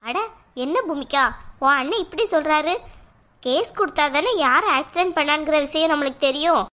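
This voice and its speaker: A woman's voice: sits high, moderate pace, sharp tone. A woman voicing a nosy, scheming female relative who probes and insinuates, in a cartoon. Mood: probing. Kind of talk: cartoon voice acting.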